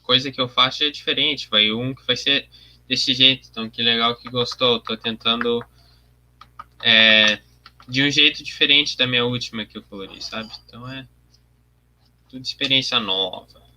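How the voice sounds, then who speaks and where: A man's voice: mid-range voice, steady tone, moderate pace, pushed and bright. A young man, chatting casually on a livestream while he colors his artwork, thinking aloud about his process and answering viewer comments. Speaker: artist streaming his work.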